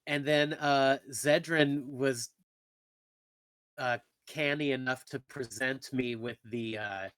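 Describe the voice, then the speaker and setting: A man, a tabletop game player, chatting in an unhurried, halting way with many fillers while his online call audio keeps cutting out and breaking up. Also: mid-range voice, fairly even intonation, fairly bright tone, smooth, no room sound. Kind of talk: casual actual-play chat.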